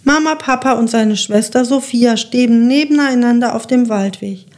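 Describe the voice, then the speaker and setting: A woman narrating a children's fairy tale in a calm, measured reading voice. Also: a little high. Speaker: storyteller.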